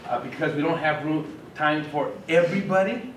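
A man, a professor leading a class discussion in casual, halting speech with many fillers. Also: fairly high pitch, a bit bright. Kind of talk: classroom facilitation. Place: university classroom with students. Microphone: far camera. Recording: echoey classroom, distant camera mic, background noise.

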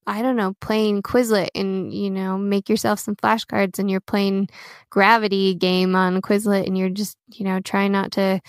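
Here the same kind of guest, a Chinese teacher with an American accent, sounds medium in pitch with noticeable vocal fry, captured in a dry, studio-quality recording. Her talk is chatty storytelling in which she quotes herself and keeps dropping "like" and "you know."

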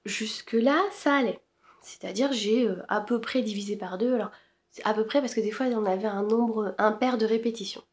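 A woman's voice: mid-range voice, normal speed. A woman chatting casually about her knitting to camera, hesitant with many fillers. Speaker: knitting podcaster. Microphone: camera-mounted shotgun mic.

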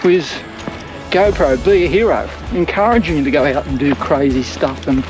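An older Australian man talks on the move in a fairly high voice, rambling and self-mocking as he hikes. He is recorded outdoors on an action camera held at arm's length. Music plays behind him. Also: normal speed, low-quality recording. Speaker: hiking vlogger. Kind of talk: casual walking commentary. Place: outdoors on coastal bush trail and beach.

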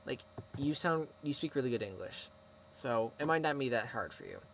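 A man's voice: medium pitch, sing-song, normal speed, creaky, fairly bright tone. Teenage male vlogger, casual and chatty, mid-range voice, faint background noise. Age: teens. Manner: chatty, rambling, answering viewer questions. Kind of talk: casual chat to camera.

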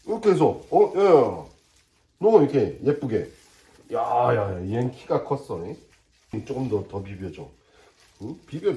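A man's voice: medium pitch, dark tone, roomy sound. A middle-aged man and father talking casually to himself while making kimchi at home, muttering and joking as he works. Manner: chatty, mutters and jokes to himself while working. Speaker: cooking vlogger. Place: home kitchen.

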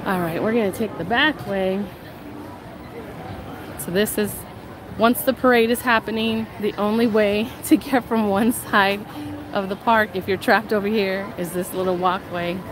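A medium-pitched woman speaks at a measured pace with fairly even intonation while live-streaming on a handheld phone in a busy theme park. The vlog host chats casually and laughs a lot, her voice a bit nasal as she gets over a cold, over a noisy backdrop of crowds and park music.

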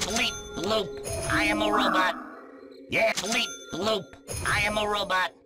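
Mock robot voice for a playful game character, played by a woman: middle pitch, slow, bleeping delivery. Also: fairly even intonation, close to an everyday voice. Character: mischievous character mimicking a robot. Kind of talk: game voice lines. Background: loud music.

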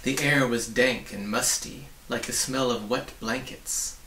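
A man in his forties reads a storybook aloud in a small, book-lined indoor room. His medium-pitched voice is bright and forceful, unhurried, with fairly even intonation. The recording sounds roomy, with a distant microphone and a little hiss or hum.

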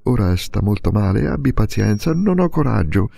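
A man's voice: lowish voice, sing-song, normal speed, gravelly, warm tone, breathy edge, heavily acted. A man voicing a young boy who pleads tenderly and anxiously, in an audiobook reading. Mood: pleading. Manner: emotional, breaking into eager pleading.

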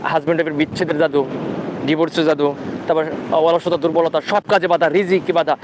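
A Bangladeshi man who practices ruqyah hosts a live Q&A outdoors at a sea beach, giving informal religious advice. His high-pitched voice is halting and instructive, with fairly even intonation. Wind and rumble come through clearly behind him.

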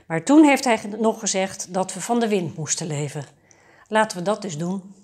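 A cheerful, simple young prince from a storybook answers in guileless, earnest lines, as a woman reads him aloud. His voice sits at a middling pitch. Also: moderate pace, darkish tone, lightly acted.

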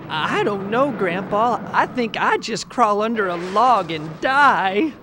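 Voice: mid-range voice, animated, takes it slowly, background noise, voice pushed up. A man voicing a frightened young grandchild who pleads timidly, in a storybook read-aloud. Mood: pleading.

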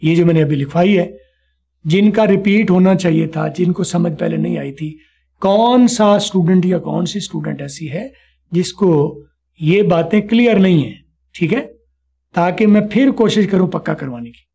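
High-pitched man teaching English sounds. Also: gravelly, dark tone. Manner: slow, repeats sounds for students to copy. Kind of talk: online spoken English class.

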